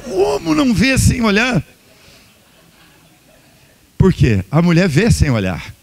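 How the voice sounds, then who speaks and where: Brazilian male pastor, higher voice, jokey sermon with acted-out dialogue. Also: huge pitch swings, slow, vocal fry. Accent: Brazilian Portuguese. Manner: humorous storytelling, acting out quoted dialogue. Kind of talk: sermon at a couples' retreat. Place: church hall.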